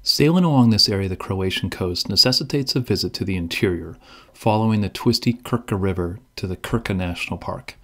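A man giving calm, scripted narration for a sailing travel vlog. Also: low-pitched, a little fast.

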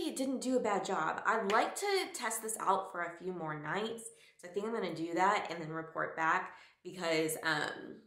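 A woman's voice: fairly low pitch, fairly bright tone. A woman vlogger chatting casually through a product review, full of fillers and an occasional whisper. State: morning voice. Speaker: beauty vlogger. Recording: echoey room.

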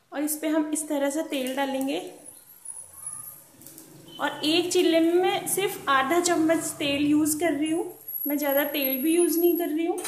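A woman with a high voice calmly demonstrates a recipe at her home stove, patiently repeating each tip for her viewers. The kitchen sounds roomy, with pans clinking behind her. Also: a little hiss or hum. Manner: calm, patient instructional talk, repeats tips. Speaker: cooking channel host. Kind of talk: step-by-step cooking demonstration.

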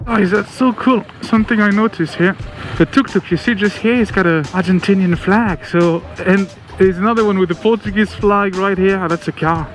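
A man's voice: sits high, normal speed, hardly any pauses, faint music behind. A man from France with a French accent, giving casual, enthusiastic and exclamatory vlog commentary out on a motorbike trip. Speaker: motorcycle travel vlogger. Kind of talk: casual vlog commentary while riding, chatting to passers-by. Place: outdoors on a motorbike and at an event ground.

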